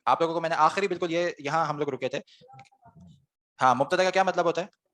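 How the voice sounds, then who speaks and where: A man's voice: on the high side, fairly bright tone. A man teaching an online Arabic grammar class, explaining step by step and putting questions to the students before answering them himself.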